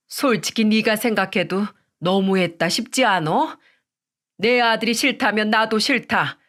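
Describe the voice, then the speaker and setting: A woman's voice: medium pitch, fairly bright tone, lightly acted. Woman playing a fierce tough diver mother. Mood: stern. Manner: fierce, scolding.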